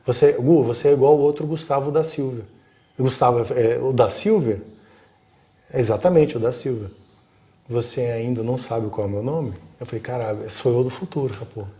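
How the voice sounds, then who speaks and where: A Brazilian man spins a long story in easy, unhurried talk, slipping into the voices of the people in it. His tone is dark and mellow, sitting at an ordinary middle pitch. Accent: Brazilian Portuguese. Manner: animated, acts out quoted dialogue. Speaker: guest storyteller. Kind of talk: casual live-stream storytelling.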